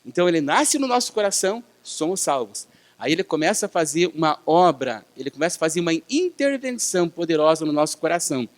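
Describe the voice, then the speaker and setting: A man's voice: a little high, sing-song, fast. A Brazilian man preaching a sermon as a pastor, with rising emphasis and rhetorical questions to the congregation. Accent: Brazilian Portuguese. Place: church hall. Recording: church hall with long reverb.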